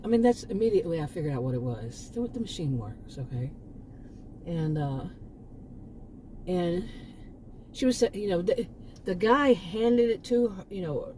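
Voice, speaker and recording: A Texan woman with a lowish, dark-toned voice chats casually to her channel as its host, rambling through restarts and asides. A faint hiss or hum sits under the recording.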